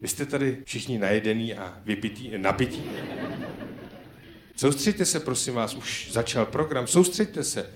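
A man's voice: medium pitch, background noise. A man doing stand-up comedy on stage, chatty and teasing the audience. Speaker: stand-up comedian hosting a live show. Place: theatre hall with live audience. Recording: roomy live hall sound.

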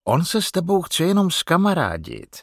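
A big, calm father from a storybook, as a man puts him on, steady and reassuring in tone. His voice moves with lively pitch, recorded close and dry. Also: creaky, no echo, heavily acted.

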